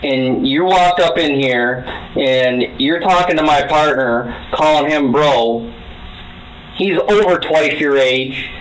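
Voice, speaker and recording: A man's voice: on the high side, slow pace, low-quality recording. A man, a police detective, lecturing a suspect sternly in an interrogation room. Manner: stern, lecturing, flares into shouting.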